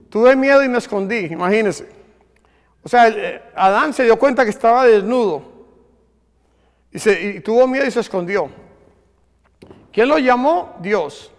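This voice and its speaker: Male preacher, very high voice, call-and-response questions, long church-hall echo. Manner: asks the congregation questions and answers them. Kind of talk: sermon.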